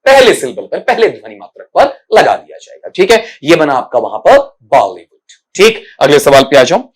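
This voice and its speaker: A man's voice: fairly high pitch, wildly swooping pitch, moderate pace, slightly rough. A male English teacher giving a recorded exam-prep lesson, patiently explaining and drilling pronunciation sound by sound while calling his students "beta". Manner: patient, explanatory, calls students "beta", frequent "thik hai" check-ins.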